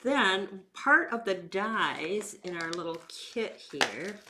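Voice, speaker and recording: A woman's voice: mid-range voice, expressive, noisy background. A woman giving a casual, step-by-step craft demonstration in an informal way, talking as she works with her hands. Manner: informal, unhurried, talking while working with hands. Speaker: craft instructor and bingo night host.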